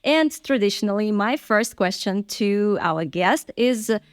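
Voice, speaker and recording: A woman hosts an interview and reads a prepared introduction before asking brief questions. Her voice has an ordinary middle pitch and sounds dry and close, with no room echo. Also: lively intonation, unhurried, clean tone. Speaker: host. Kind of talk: interview host.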